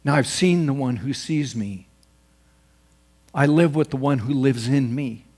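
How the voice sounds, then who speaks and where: A man's voice: medium pitch, unhurried, a little mellow. A man preaching a sermon as pastor, reading scripture aloud and rising in force on the quoted lines.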